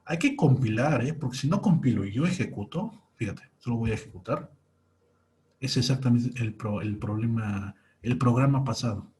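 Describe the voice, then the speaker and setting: A man's voice: medium pitch, animated, normal speed, darkish tone. A young man, patiently talking through a screen-recorded coding lesson step by step. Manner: patient, walks through each step aloud. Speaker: programming teacher.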